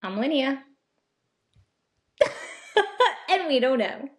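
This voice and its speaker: A woman co-hosts a casual podcast over a video call, slipping in jokes and laughing often. Her voice sits a little on the high side. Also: expressive, drawn-out words. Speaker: podcast co-host.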